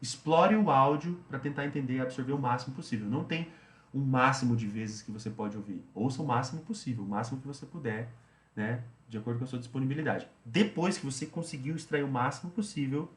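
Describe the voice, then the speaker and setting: A man's voice: medium pitch, quick pace. Chatty male teacher in a roomy space. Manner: chatty, repeats himself, tags phrases with "né". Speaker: English teacher. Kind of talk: explaining a study routine.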